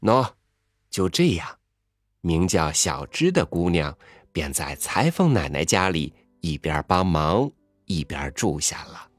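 Deep-voiced man reading a story aloud. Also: a little slow, no echo. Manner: soft-spoken, intimate, expressive.

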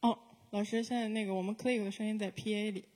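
A woman singer chatting casually from the stage of a live music venue between songs, relaxed and quick to laugh. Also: medium pitch. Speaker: singer performing a live show.

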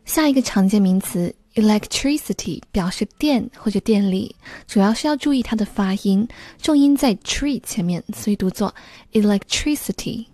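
A woman teaching English vocabulary, going through each term step by step and switching into English phrases. Her voice is mellow and warm at a middle pitch. The recording is dry and close. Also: expressive, normal speed, few pauses, dry recording. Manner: explains words and phrases step by step, mixing in English terms. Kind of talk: scripted lesson narration.

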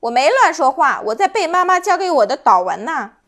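A young onion boy in a storybook speaks up high and eagerly, in a childlike voice full of feeling. A woman storyteller gives him this voice. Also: very animated, brisk, a bit bright, exaggerated voice. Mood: surprised.

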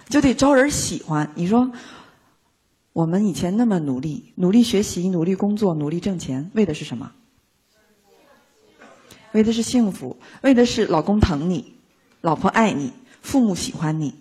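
A woman giving a lively, playful motivational talk to a live audience, acting out little everyday scenes. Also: lowish voice, slightly rough. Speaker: speaker teaching a live audience.

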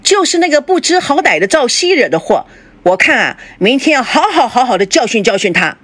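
A fond, blustering middle-aged father, as a woman reads him aloud in a storybook, pitched up high and loud, swinging his voice all over, a little husky. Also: very animated, a little slow, dry recording, full character voice. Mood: grumbling. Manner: coaxing, loud and exclaiming.

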